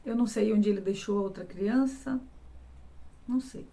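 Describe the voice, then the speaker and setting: Halting Brazilian woman recounting her past. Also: medium pitch, warm tone. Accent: Brazilian Portuguese. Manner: halting, emotional, repeats words. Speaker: vlogger. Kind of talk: personal testimony.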